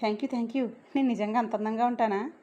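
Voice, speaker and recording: A woman's voice: fairly high pitch, fairly even intonation, normal speed, warm tone, muffled recording, lightly acted. A woman voicing a shy, awkward young man who gets easily flustered in a romance story. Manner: meek and flustered.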